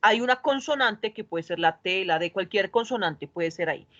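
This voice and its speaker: A woman's voice: medium pitch, lively intonation, moderate pace, a bit bright, lo-fi sound. Woman teacher checking in with students. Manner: patient, checks in with listo. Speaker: English teacher. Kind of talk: online class explanation.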